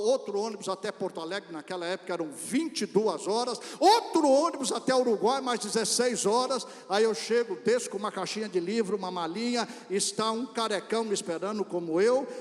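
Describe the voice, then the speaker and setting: A man from Brazil with a Brazilian accent, preaching a storytelling sermon and speaking directly to the congregation in an animated way. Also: sits high. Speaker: pastor. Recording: reverberant church hall.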